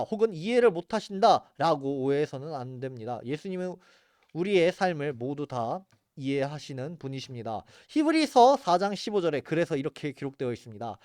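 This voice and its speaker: A man's voice: a little high, a little mellow, no echo, studio quality. A man teaching a church Bible geography class in an earnest, explanatory way. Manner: earnest, explanatory, points at maps and photos.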